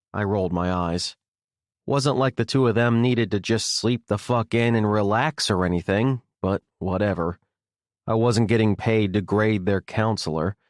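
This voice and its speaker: A man's voice: mid-range voice, no echo. A man narrating an audiobook in the first person with a wry, sardonic delivery, recorded on a close studio mic.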